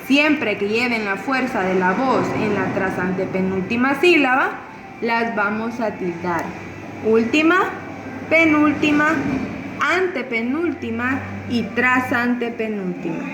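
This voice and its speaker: Slow, deliberate woman teaching. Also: fairly high pitch, animated. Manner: slow, stresses and repeats syllables. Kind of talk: spoken grammar lesson. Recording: echoey room with noise.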